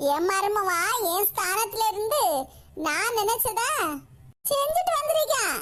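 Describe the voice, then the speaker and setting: A woman's voice: very high voice, big pitch swings, takes it slowly, background noise, exaggerated voice. A woman voicing a kindly, forgiving older aunt in a cartoon, soothing and coaxing as she talks. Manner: soothing, coaxing, calls others "makka". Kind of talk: cartoon voice acting.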